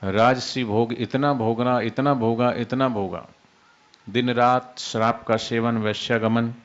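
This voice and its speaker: A man giving an unhurried devotional discourse as a spiritual teacher, explaining with everyday examples. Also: medium pitch, fairly even intonation, muffled recording. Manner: unhurried, explains with everyday examples, demonstrates soft and loud speech.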